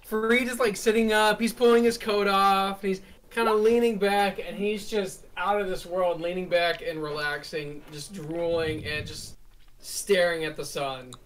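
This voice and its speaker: A man's voice: high-pitched, fairly even intonation, measured pace, a bit bright. A man describing his character at a tabletop game in a rambling way. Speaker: player. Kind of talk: casual tabletop game narration.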